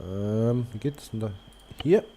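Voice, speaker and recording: Cursing Swiss gamer, slow and muttering. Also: male voice, fairly low pitch, dark tone, slight background noise. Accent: Swiss German. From Switzerland. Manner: frustrated outbursts and swearing, muttering to himself. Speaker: gaming video creator. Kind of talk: live gameplay commentary.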